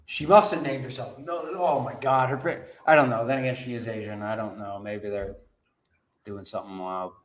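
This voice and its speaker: A man's voice: mid-range voice, fairly even intonation, moderate pace. A man co-hosting a podcast, chatting casually, joking and swearing as he riffs. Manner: joking, profane, riffing. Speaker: podcast co-host. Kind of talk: casual chat.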